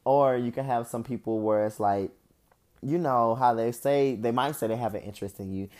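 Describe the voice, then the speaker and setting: A young man talks on his own in a loose, unscripted monologue, his voice a little stuffy through the nose. He is candid and wanders from point to point, padding his thoughts with fillers and restarts. His pitch sits in the ordinary middle range for a man. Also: moderate pace, a little mellow. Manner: rambling, candid, with frequent fillers. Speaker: podcast host. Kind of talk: casual solo monologue.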